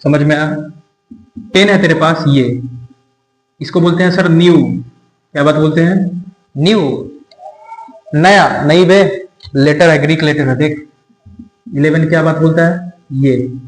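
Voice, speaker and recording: A man's voice: fairly high pitch, unhurried, long pauses, roomy sound, faint music behind, poor audio. A young man teaching a casual lecture, acting out both sides of a teasing back-and-forth with his students. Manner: acts out student and teacher dialogue, informal and teasing.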